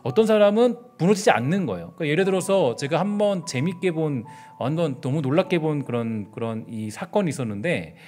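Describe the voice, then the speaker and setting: A man's voice: on the high side, a little mellow. A middle-aged man preaching a midweek sermon in a casual, conversational way, acting out scripture dialogue in everyday speech and restarting his phrases. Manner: frequent fillers and restarts. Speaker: pastor.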